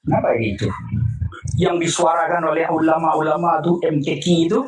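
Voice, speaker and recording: Earnest high-voiced man, echoey and distant. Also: steady tone, normal speed. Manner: earnest, questioning, repetitive. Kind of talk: casual call-in discussion.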